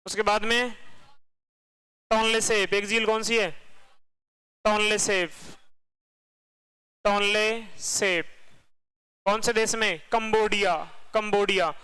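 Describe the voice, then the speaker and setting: A man teaching a geography class, firing quick questions at his students and repeating the answers himself. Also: high voice, fairly even intonation, pushed and bright, clean tone, low-quality recording.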